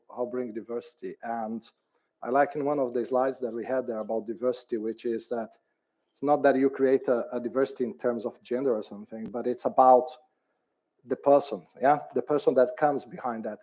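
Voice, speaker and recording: Hesitant Brazilian-born man with a mellow voice. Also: mid-range voice, fairly even intonation, moderate pace. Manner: hesitant, repeats words, laughs easily. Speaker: department head on a panel. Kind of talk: conference panel talk.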